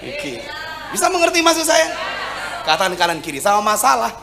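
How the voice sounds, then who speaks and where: A male pastor preaching a sermon, swinging from shouts to soft tender words and speaking in tongues. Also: very high-pitched, sing-song, brisk, background noise. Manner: speaks in tongues, sings at times. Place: church hall with congregation. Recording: live church PA with music and crowd.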